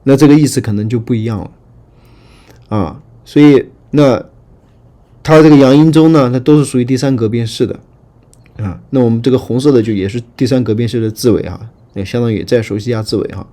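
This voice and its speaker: A man teaching Greek grammar in a lecture, patient and repetitive, often checking that students follow and reading word forms aloud slowly. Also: mid-range voice, mellow. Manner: patient, repetitive, frequent fillers and checking questions. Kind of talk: online lecture explaining grammar.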